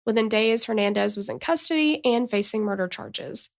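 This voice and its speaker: A woman's voice: a little high, normal speed, creaky. A woman in her thirties co-hosting a casual true-crime podcast, chatting and reading case notes with asides. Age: 30s. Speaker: podcast co-host.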